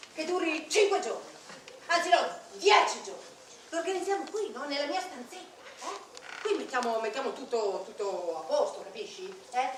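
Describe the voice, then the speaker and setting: A woman playing a high, playful clown. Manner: chatty, playful, coaxing the listener. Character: playful scheming female clown prisoner. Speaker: stage actress. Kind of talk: live tragicomic stage performance. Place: large old hall or castle venue. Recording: echoey, distant live stage recording with noise.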